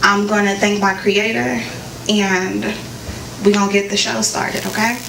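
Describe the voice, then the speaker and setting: A woman's voice: medium pitch, little pitch movement, a little slow, creaky, noisy background. Woman telling her story on a live stage. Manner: conversational, repeats phrases for emphasis, talks to the crowd. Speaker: spoken word performer. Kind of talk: storytelling on stage before a performance. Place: live concert venue. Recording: roomy live sound from a distance. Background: faint audience ambience.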